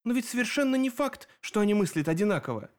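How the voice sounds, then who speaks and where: Man reading as a young heroine, firm and inquisitive, raised pitch. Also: big pitch swings, fast. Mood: earnest. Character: young woman narrator-heroine, firm and curious.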